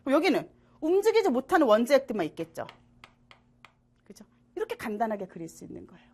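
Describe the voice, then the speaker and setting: A woman's voice: on the high side, fast talker, slightly rough. A woman teaching middle school science in an online lecture, playful and constantly checking that students follow. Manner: animated, asks students frequent check questions; jokey and playful.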